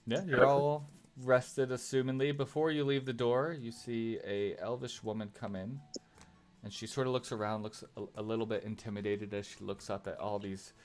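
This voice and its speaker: A man's voice: medium pitch, little pitch movement, moderate pace, darkish tone. A man narrating casually as game master of a tabletop game, with many fillers.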